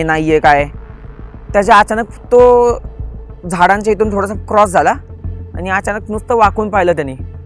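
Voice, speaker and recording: A man from the Pune area, a podcast guest, retelling a scary experience vividly and acting out the dialogue. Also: high-pitched. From Pune area, India. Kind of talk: storytelling in an interview.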